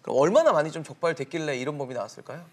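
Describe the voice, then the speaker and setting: Male news anchor, quick, animated, fairly high. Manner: lively, quick questioning. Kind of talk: studio interview questions. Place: TV studio.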